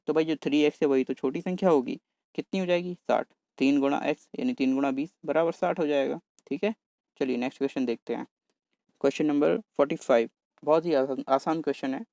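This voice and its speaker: A man teaching exam maths in a brisk, chatty way, talking fast on purpose and coaxing his viewers along. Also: on the high side, creaky, darkish tone, dry recording. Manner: brisk, talks fast on purpose to cover the paper. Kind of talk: solving exam paper on screen.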